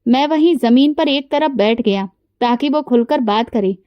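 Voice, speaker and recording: A woman narrating a scripted first-person story in a steady, emotional way. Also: a little high, a little slow, no room sound, muffled recording.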